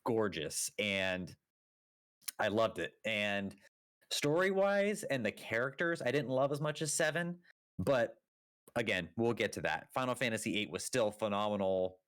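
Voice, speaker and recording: A man's voice: lowish voice, lively intonation, a little slow, fairly bright tone, clean tone, dry recording, studio quality. A man co-hosting a podcast in casual chat, rambling with lots of fillers and self-corrections. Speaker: podcast co-host.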